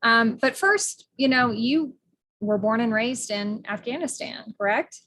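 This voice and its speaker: A woman's voice: on the high side, a little slow, a bit bright. A middle-aged American woman hosting a podcast interview, speaking earnestly with frequent fillers and restarts. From United States. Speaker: podcast host. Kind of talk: casual interview.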